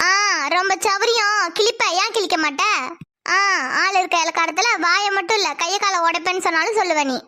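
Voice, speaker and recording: A woman's voice: very high-pitched, fairly quick, pushed and bright. A woman voicing a sassy lazy cartoon daughter. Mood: cheeky. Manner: grumbling, talks back cheekily. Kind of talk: Tamil cartoon voice acting.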